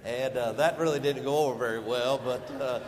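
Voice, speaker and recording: A man's voice: medium pitch, steady tone, fairly quick, big-room sound. A middle-aged man with a North Carolina accent preaching as a visiting preacher, folksy and rambling with many fillers. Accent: North Carolina Southern. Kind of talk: sermon. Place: church sanctuary.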